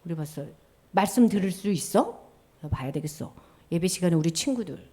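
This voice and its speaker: A woman preaching a children's sermon, telling a Bible story in an animated way, acting out the characters and sound effects. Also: fairly low pitch, brisk, slightly rough.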